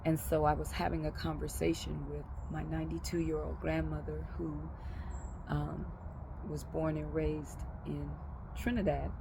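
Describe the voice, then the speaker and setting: A woman speaks slowly and thoughtfully in a reflective spoken talk, often pausing to gather her words. Her voice has a gravelly, creaky edge. Steady vehicle noise runs clearly underneath. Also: low-pitched. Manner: slow, thoughtful, pausing with frequent ums. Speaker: speaker sharing a religious reflection.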